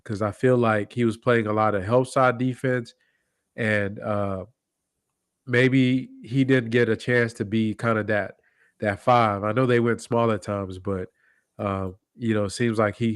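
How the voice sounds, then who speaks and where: A man's voice: fairly low pitch, no echo. Congested laid-back man, dry sound. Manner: laid-back, slangy, thinks out loud with fillers. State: sick, congested nasal voice. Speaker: co-host of a basketball podcast. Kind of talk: casual post-game chat.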